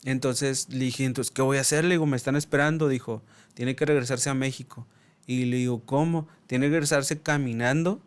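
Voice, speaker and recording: Un hombre joven de México con acento del norte de México, contando animado una anécdota personal en un pódcast, imitando los diálogos. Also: male voice, mid-range voice, fairly quick. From Mexico. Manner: animated storyteller acting out dialogue. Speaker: podcast co-host. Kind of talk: casual storytelling.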